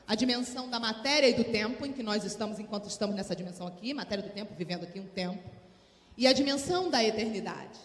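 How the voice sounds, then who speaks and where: A woman pastor preaching a lively sermon, calling on the congregation to answer. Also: mid-range voice, fast. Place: large church hall. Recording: echoey church hall with long reverb.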